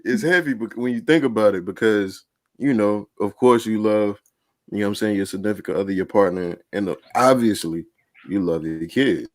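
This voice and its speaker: Low-voiced man in dry podcast chat. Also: normal speed, no echo. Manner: loose, repeats "you know what I'm saying". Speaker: podcast guest.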